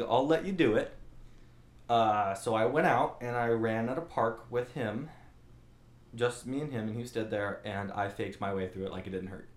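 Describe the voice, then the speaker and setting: This channel host is a young man with a lowish voice, spinning a long story as a casual monologue. His telling is animated, wandering and self-deprecating, with quotes performed in character, all carried on a roomy echo.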